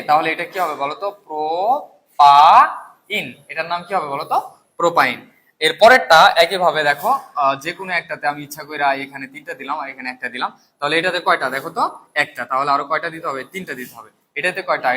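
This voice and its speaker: A man's voice: a little high, pushed and bright. A male chemistry teacher giving a recorded lecture, asking a question and then answering it himself while he counts aloud.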